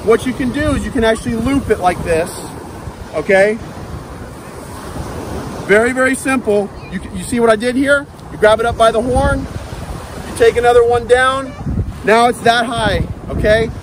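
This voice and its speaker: On a sandy beach, a man in his thirties who runs a fishing channel shows how to use a cast net, talking as he handles it. He's upbeat, calls viewers "guys" and keeps repeating "guys" and "okay", speaking at a moderate pace with a very high-pitched voice and frequent pauses. Beach noise can be heard behind him.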